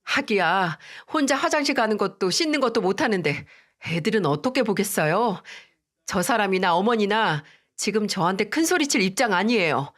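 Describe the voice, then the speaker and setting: Brief: a woman doing a sharp, dismissive young daughter-in-law in a storybook drama, curt and cold. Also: mid-range voice, expressive, normal speed. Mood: cold, mocking. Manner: snappish, dismissive. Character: angry defiant young wife, daughter-in-law.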